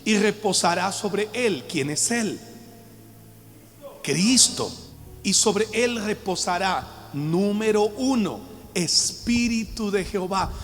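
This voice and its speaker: A male pastor teaching from the Bible in an emphatic sermon style, his voice pitched a little above the usual for a man. He calls out to the congregation in a church hall with a long echo, and soft music plays faintly underneath. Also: expressive, slow. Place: church hall with a live audience.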